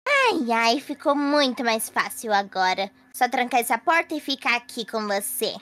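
A woman's voice: a little high, sing-song, normal speed, a bit bright, voice pushed down. A woman voicing a sly female stranger who has snatched a baby, cooing and scheming. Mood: gloating. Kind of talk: game role-play voice acting.

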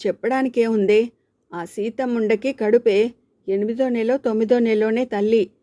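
A woman's voice: on the high side, steady tone, moderate pace, warm tone, dry recording, close to an everyday voice. Brief: woman narrator doing an indignant old mother-in-law, cursing and scolding, darker tone. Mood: angry scolding.

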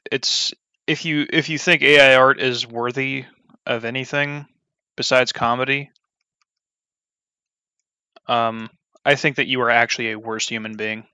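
A man's voice: mid-range voice, fairly even intonation, measured pace, pauses often, pushed and bright, smooth, dry recording. A man giving casual gameplay commentary as a gaming YouTuber, rambling bluntly with many ums and restarts. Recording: slightly dull, dry recording.

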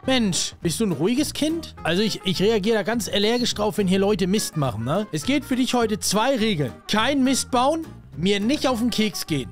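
A man doing let's play commentary in character as a grumpy babysitter, bossy and comic, often bursting into loud shouting. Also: sits high. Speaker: gaming YouTuber.

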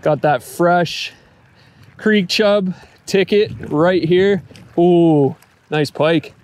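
A man, chatting excitedly to viewers while fishing on a riverbank, recorded on a head-mounted action camera. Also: sits high, very slow. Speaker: fishing vlogger. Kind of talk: casual fishing vlog commentary. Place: outdoors on a riverbank and lakeshore.

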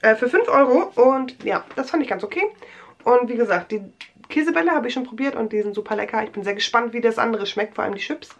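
A young vlogger with a cold chats rambling through a show-and-tell in her small bedroom, full of fillers and restarts. Her voice is fairly high and fast, and the sound is lo-fi.

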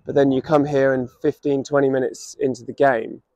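Brief: English male football manager in his thirties, post-match, even flat delivery, dark tone, outdoor pitchside. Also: gravelly, no echo. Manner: reflective, measured, many restarts. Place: outdoors by a stadium running track. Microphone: camera at standing distance.

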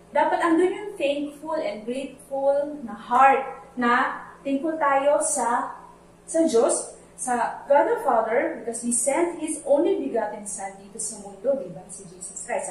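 A woman's voice: on the high side, slight background noise. A Filipino woman teaching a children's Sunday school lesson, explaining a Bible verse patiently in mixed Tagalog and English and singing its lines to teach the tune. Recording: echoey, from a distance, with faint music.

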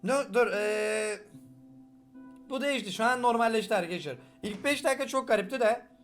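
Young guy w regional turkish accent, quick jokey game commentary, highish voice, faint music behind. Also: a bit bright. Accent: Turkish regional dialect. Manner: fast-talking, joking, swears often. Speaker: gaming video host. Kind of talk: casual reaction commentary.

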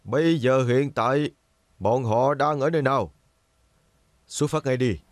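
A scheming young lord, voiced by a man in a dubbed martial arts drama. He speaks in a plain mid-pitched voice, recorded close and dry. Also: measured pace, no room sound, lightly acted.

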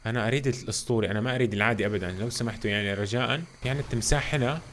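A young man commentating his gameplay for viewers, reacting loudly and excitedly to what happens on screen. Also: mid-range voice, rapid-fire, heavy background noise. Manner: reacts loudly to game events, addresses viewers as "guys". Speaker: gaming channel host. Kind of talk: excitable let's-play commentary.

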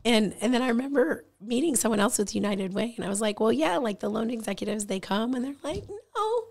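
A woman in her forties, a guest in a radio studio, telling a story in a chatty, animated way with many fillers. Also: fairly high pitch, fairly quick, vocal fry. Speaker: guest, insurance agency owner. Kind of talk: casual storytelling interview.

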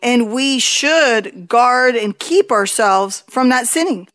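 Slow, earnest woman preaching. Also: a little high, expressive, a bit bright. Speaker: church leader. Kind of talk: Bible study teaching. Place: church hall at a pulpit. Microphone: handheld mic.

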